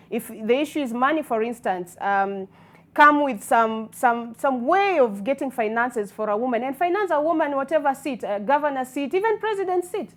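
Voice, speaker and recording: A Kenyan woman debates on a television talk show in a fairly high voice. She argues emphatically and favours formal, wordy phrasing as she presses her opinion.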